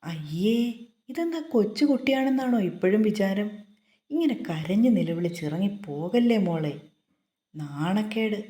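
A woman voicing a middle-aged mother who coaxes her son-in-law and gently chides her daughter. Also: medium pitch, animated, unhurried, lightly acted. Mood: coaxing. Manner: coaxing, motherly, scolding gently. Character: fussing middle-aged mother, coaxing and chiding. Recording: roomy echo.

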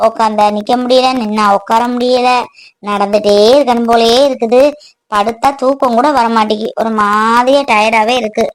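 A woman's voice: a little high, steady tone, moderate pace, voice pushed down, lightly acted. A woman voicing a tired, dismissive pregnant young woman in a cartoon. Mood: weary. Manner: dismissive, weary complaining.

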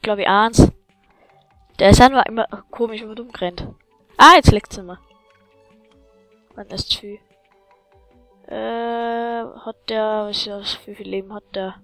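A woman giving excitable let's-play commentary, yelling at enemies and chatting to viewers, with faint game music behind. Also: a little high, dry recording, low-quality recording.

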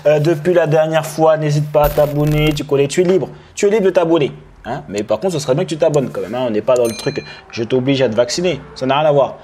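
A man's voice: fairly high pitch, fast, warm tone, husky. A man hosting an online interview, joking and chatting directly to his viewers over a webcam. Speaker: host. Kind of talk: casual interview on a video call. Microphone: video call webcam.

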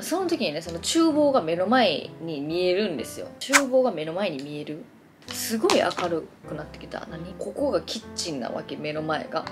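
A young woman with a Kansai accent chatting through a makeup tutorial, rambling into animated stories as she works. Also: fairly low pitch. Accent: Kansai Japanese. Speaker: beauty vlogger.

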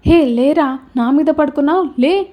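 A woman voicing an angry, defiant young woman who shouts and talks back rudely in a storybook reading. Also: sits high, measured pace, highs cut off, voice pushed up. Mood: shouting. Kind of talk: storybook character voice.

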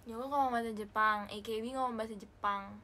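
A young woman with an Indonesian accent, chatting casually and excitably with viewers on a livestream, mixing in English phrases. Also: fairly high pitch, quick pace, very noisy. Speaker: idol livestream host.

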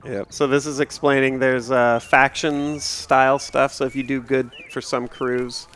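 A man's voice: mid-range voice, level tone, a little slow, fairly bright tone, slight background noise. A man hosting a let's-play, casually rambling as he explains the game to a friend.

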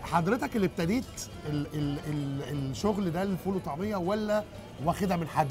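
A middle-aged man with an Egyptian Arabic accent, hosting a food show and interviewing on a street in a lively, chatty way. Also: on the high side, fast, over music. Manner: lively, chatty, echoes and confirms answers. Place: outdoors on a city street.

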